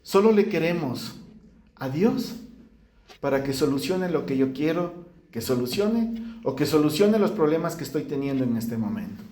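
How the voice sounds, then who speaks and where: A male pastor delivering a lively sermon to his congregation, acting out pleading prayers as he preaches. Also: fairly high pitch, moderate pace. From Ecuador. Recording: echoey church room.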